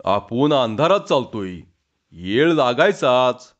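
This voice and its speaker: Man as an unflappable rural husband, slow gruff rustic talk, muffled lo-fi sound. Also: mid-range voice, very animated. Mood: calm reassuring. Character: steady village husband, calm, bold, reassuring. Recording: dull lo-fi sound.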